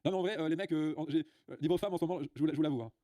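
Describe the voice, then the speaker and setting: A man's voice: on the high side, very fast, mellow, no echo, studio quality. A man hosting a livestream, ranting bluntly to his viewers with many filler sounds and restarts. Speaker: livestream host. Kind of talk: casual livestream rant.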